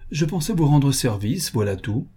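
A man's voice: medium pitch, sing-song, normal speed, dark tone, breathy edge, voice pushed up. A man voicing a scheming older baroness who arranges marriages, speaking in a pointed, incisive tone. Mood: haughty pointed. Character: scheming older female matchmaker baroness, haughty.

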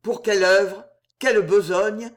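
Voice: medium pitch, sing-song, measured pace. A reader voicing a proud, gallant young male knight in a swashbuckling audiobook, answering with cool hauteur. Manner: proud and mocking in reply.

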